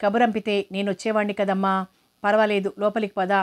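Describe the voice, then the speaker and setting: A woman's voice: mid-range voice, flat delivery, brisk, lightly acted. A woman reading the lines of a stubborn, defensive poor village man in a storybook reading.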